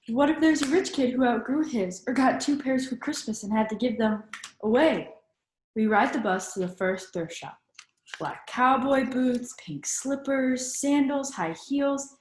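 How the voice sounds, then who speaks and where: The audio is poor, with reverb and a little hiss or hum, but you can hear a woman with a slightly high voice reading a picture book to children. She reads the way a teacher would, breaking off with questions that invite the young audience to reflect.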